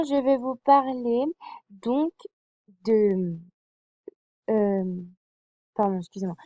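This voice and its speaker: A young woman presents a TV series to her viewers in a casual fan vlog, hesitant and full of fillers and apologies. Her voice is on the high side and warm, with no room sound.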